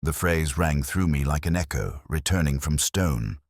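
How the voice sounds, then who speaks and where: A man with a very deep, husky voice narrates a first-person literary mystery from a script, playing the detective. His measured, melancholy delivery has lively pitch movement, and the recording is dry with no room sound at all.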